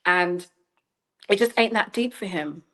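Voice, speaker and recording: A woman in her thirties talks as an interview guest in a somewhat low voice. She is reflective and searching, restarting phrases and leaning on "you know" as she works through her ideas. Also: measured pace. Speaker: guest, journalist and storyteller. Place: lives in China.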